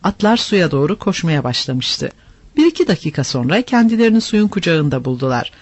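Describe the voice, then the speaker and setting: A man narrating an adventure story aloud in an expressive, animated reading style. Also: fairly high pitch, a little fast, no room sound. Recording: dry, slightly dull lo-fi.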